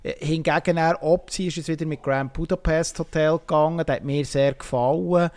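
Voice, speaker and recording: A man's voice: fairly high pitch, fairly even intonation, fairly quick, darkish tone. A man, co-hosting a film podcast, speaking thoughtfully with frequent fillers. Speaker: podcast co-host. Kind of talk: casual film review chat.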